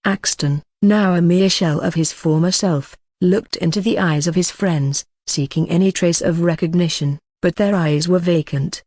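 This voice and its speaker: A synthetic voice narrates a dark fantasy web novel in a steady, even reading. It sits at a middle pitch, and the sound is dry and close with no room around it. Some words come out mispronounced. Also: normal speed, few pauses, no room sound. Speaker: audiobook narrator.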